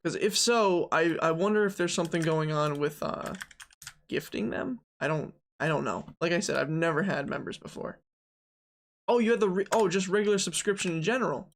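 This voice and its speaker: Young male streamer with a gravelly, fry-edged voice, rambling chattily over keyboard clicks while he builds a 3D model live. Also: on the high side, a little fast, slight background noise. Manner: chatty, thinks aloud, reads and answers chat. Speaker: game dev streamer.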